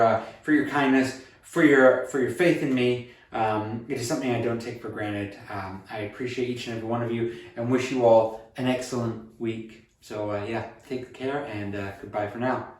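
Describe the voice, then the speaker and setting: A man's voice: mid-range voice, distant mic. Young guy in his twenties vlogging, earnest and upbeat, lots of ums, really echoey room, sits back from the mic. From USA. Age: 20s. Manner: earnest, upbeat, self-encouraging, many fillers and restarts. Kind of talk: casual weight-loss vlog.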